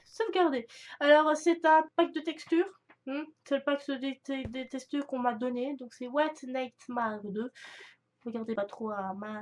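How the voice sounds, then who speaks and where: A young woman chatting casually through a gaming video, rambling with many fillers and restarts. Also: sits high. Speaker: gaming youtuber. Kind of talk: casual let's-play commentary.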